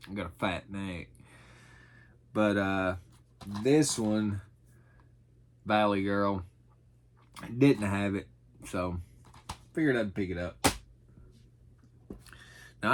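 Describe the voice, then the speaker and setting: A middle-aged vlogger shows off his thrift finds in an unscripted haul video, chatting in a folksy, rambling, self-deprecating way. His voice sits on the low side, and he takes it slowly with long pauses. There's a little hiss or hum in the recording.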